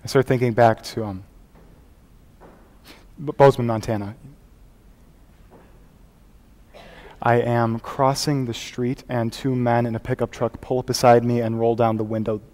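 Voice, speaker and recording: A young adult high school speech competitor performs a dramatic interpretation monologue, portraying an earnest performance artist before an audience in a large hall, live-recorded with heavy echo. His medium-pitched, slightly mellow voice moves little in pitch, is lightly acted, and carries an uneasy, tense mood. The storytelling is theatrical and conversational with dramatic pauses.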